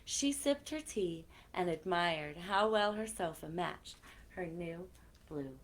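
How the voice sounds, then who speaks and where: Her voice fairly low and animated, a woman takes her time reading aloud to young listeners at story time, stopping for lively chats with them. A little hiss or hum can be heard.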